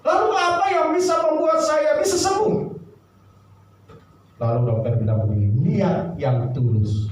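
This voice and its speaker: A male pastor telling a sermon story with lively animation, often addressing listeners as brothers and sisters, heard in an echoey hall from a distance. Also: very high voice, normal speed, long pauses.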